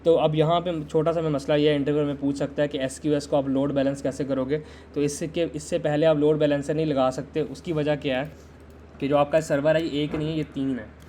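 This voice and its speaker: Male tech instructor for a live lesson. Conversational and steady with little pitch movement. Keeps putting questions to the viewers. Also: slight background noise. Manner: conversational, quizzes viewers and waits for chat answers. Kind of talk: live-streamed system design lesson.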